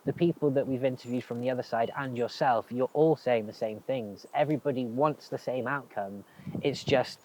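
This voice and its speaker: A man's voice: mid-range voice, normal speed, noisy background. A man making a documentary, talking thoughtfully and agreeably with the people he interviews. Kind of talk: conversational interview.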